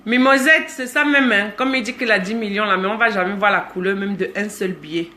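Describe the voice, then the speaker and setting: A woman's voice: mid-range voice, a little fast, bright, forceful tone. A woman in her thirties with a Cameroonian accent, chatting casually on a live stream, greeting viewers by name and teasing them. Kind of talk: casual live-stream chat reading comments.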